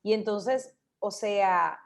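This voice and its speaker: A woman on a radio show, chatting and explaining how to pronounce hard words, slowing down to demonstrate. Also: medium pitch, gravelly. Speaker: radio host. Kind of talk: casual radio talk about speech.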